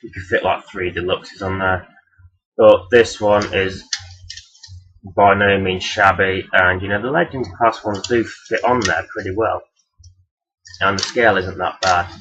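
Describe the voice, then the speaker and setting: A man's voice: low-pitched, steady tone, measured pace, fairly bright tone, a little hiss or hum. A man giving a casual, rambling toy review in a hesitant, self-deprecating, blunt and sweary way. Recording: dull, lo-fi sound.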